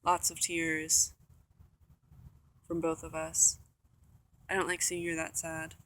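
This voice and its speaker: A young woman talks straight to the camera in a loose, rambling storytelling vlog, with lots of "like" and "um". Her voice is bright and forceful, set a little low for a woman. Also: completely flat delivery, slow pace. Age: young adult. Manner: chatty, rambling, full of "like" and "um". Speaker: vlogger. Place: indoor room.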